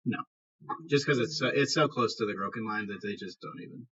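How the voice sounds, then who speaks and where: Running a tabletop game as game master, a man improvises narration in a conversational, explanatory way. His lowish voice is brisk and sharp with a breathy edge, and the recording sounds like dull lo-fi podcast audio.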